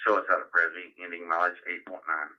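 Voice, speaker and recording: A man's voice: sits low, little pitch movement, fast, muffled recording. A man speaking in terse, businesslike radio codes over a police radio transmission, like an officer reporting to dispatch.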